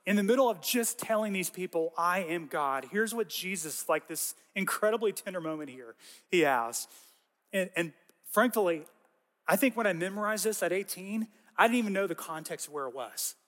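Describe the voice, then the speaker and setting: A man giving a conversational sermon as pastor, with casual, animated storytelling and frequent asides. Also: high voice, moderate pace, long reverb tail.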